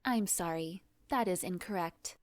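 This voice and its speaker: A woman voicing a menacing ship computer in a science fiction audio drama, refusing with flat, formal courtesy. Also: fairly low pitch, unhurried, dry recording, studio quality, natural voice. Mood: polite, detached. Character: eerily polite, menacing female rogue ship computer.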